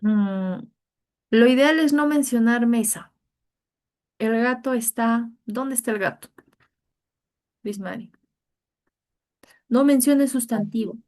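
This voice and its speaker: A woman's voice: a little high, takes it slowly, long pauses, darkish tone. A woman teacher leading an online grammar class over a video call, patiently coaxing each student by name.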